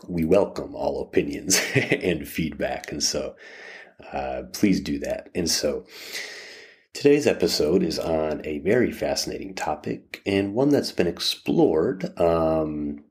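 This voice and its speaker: A man hosting a podcast, talking casually from inside a closet of a rented room, halting and thinking aloud with many restarts. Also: very deep voice, a little mellow. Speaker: podcast host. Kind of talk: casual solo podcast talk.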